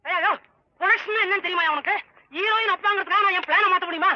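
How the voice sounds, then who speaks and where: An actor playing an excitable, boastful young would-be film director, talking in a shrill, theatrical way. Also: male voice, racing. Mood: excited, bossy. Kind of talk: vintage film comedy acting. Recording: muffled old film soundtrack.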